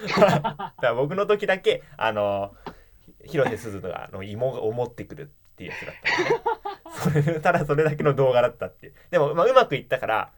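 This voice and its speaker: A young man co-hosting a podcast, telling a rambling story in a lively, up-and-down voice. He laughs now and then and acts out the lines he quotes. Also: fairly high pitch, brisk. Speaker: podcast co-host. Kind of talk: casual free talk storytelling.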